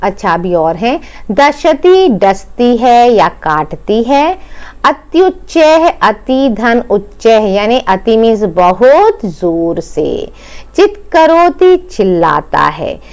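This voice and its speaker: A woman's voice: fairly high pitch, sing-song, slow, clear, resonant tone. A woman teacher explaining a Sanskrit lesson in Hindi, going word by word, repeating each meaning and checking in with her students. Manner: addresses students as "बेटा".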